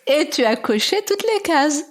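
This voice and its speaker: A woman's voice: sits high, very animated, a little slow. A woman interviewing a guest in a casual way, encouraging her with short prompts and follow-up questions. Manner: encouraging, brief prompts, laughs along.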